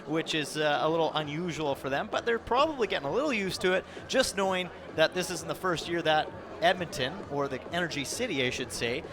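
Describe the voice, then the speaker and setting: A man's voice: on the high side, lively intonation, a little fast, hardly any pauses, a crowd in the background. A man giving conversational baseball commentary as a broadcast host. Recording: clear outdoor ambient noise.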